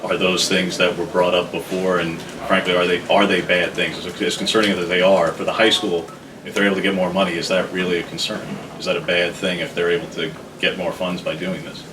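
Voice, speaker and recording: Male reporter, deep voice, talks fast, wordy question, off mic w/ noisy background. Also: level tone, far from the mic. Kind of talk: long press conference question.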